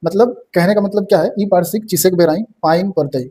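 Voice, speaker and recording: A man's voice: high-pitched, brisk, mellow, slight background noise. A young man from teaching an exam-prep lesson, explaining each term and saying "ठीक है" again and again.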